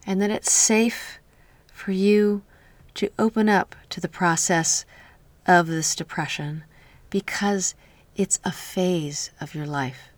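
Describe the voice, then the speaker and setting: A woman leading a guided healing meditation in a soft, slow voice that often drops to a whisper, speaking close to the mic. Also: fairly low pitch, dry recording.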